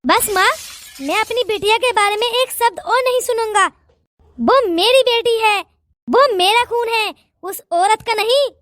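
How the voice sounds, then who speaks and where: A woman's voice: very high-pitched, animated, a little slow, fairly bright tone, dry recording, clean studio sound, full character voice. A woman voicing a stern, wealthy older father in a cartoon, speaking in a commanding, fatherly way. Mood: defiant.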